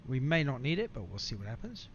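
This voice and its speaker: A man's voice: medium pitch, very animated, fast talker. A man chatting casually as he live-streams a flight simulator, addressing viewers in a matey way. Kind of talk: casual livestream chat and gameplay commentary. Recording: faint background noise, slightly dull sound.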